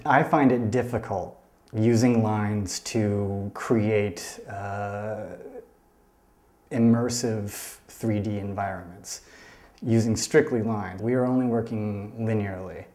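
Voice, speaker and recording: A comic artist speaking earnestly in a documentary interview, halting now and then. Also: male voice, fairly low pitch, darkish tone. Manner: earnest, halting, with many fillers.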